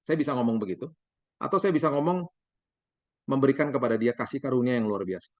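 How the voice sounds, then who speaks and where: A middle-aged male pastor, preaching a sermon emphatically and dropping to a soft, intimate tone for quoted words. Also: medium pitch, fast, no room sound. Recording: dry, slightly dull sound.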